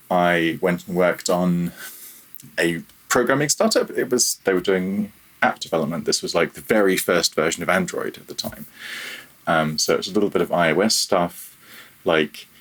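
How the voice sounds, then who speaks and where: A man in his thirties, an audio programmer, chats casually as a podcast guest, sounding reflective, a little hesitant and self-deprecating. His low-pitched voice has a bit of brightness, and the recording quality is low.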